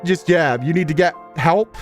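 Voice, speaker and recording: A streamer with a fairly high voice reacts to a story game at a moderate pace, rambling casually as he reads and answers chat. He's conversational and emphatic, sprinkling in slang as he talks to his viewers, with music playing behind him.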